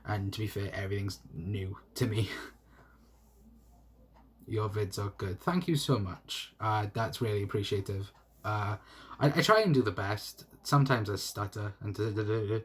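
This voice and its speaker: This South Wales lad is on a casual football live stream from his phone, reading comments in a rambling, halting way with restarts and laughter. His voice is lowish and slightly rough, recorded on the phone's mic.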